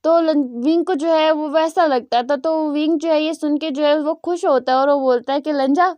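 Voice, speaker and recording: A woman's voice: sits high, fairly even intonation, moderate pace, a little mellow, no echo, muffled recording. A woman host casually retelling a story to her channel viewers, with many filler words. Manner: fillers, repeats "jo hai" a lot.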